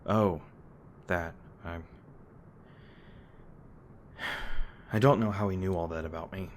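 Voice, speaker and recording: Slow and steady, this man voices a clumsy young monster hunter in an audio roleplay, his low, halting delivery stumbling as the character keeps the listener safe. A faint hiss runs beneath the recording.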